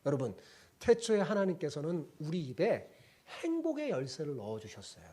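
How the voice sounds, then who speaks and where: A male pastor delivers a sermon with a lively, swinging delivery. His voice sits a little high, and he keeps prompting the congregation to repeat after him. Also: normal speed, slightly rough. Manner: call-and-response with congregation; folksy storytelling.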